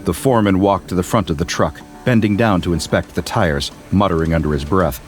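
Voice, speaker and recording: A man narrating a scripted horror story in a steady, measured way. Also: low-pitched, faint music behind.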